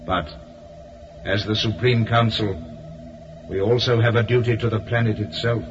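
An actor playing the grave, measured voice of an alien spirit council speaking as one, in a radio drama. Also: male voice, lowish voice, steady tone, muffled recording, over music, natural voice.

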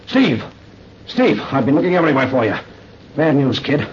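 Man playing an animated, protective army captain. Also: medium pitch, moderate pace, natural voice. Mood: brisk, concerned. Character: army captain, gruff but fatherly, anxious comrade. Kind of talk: old-time radio war drama acting. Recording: muffled vintage radio recording, faint noise.

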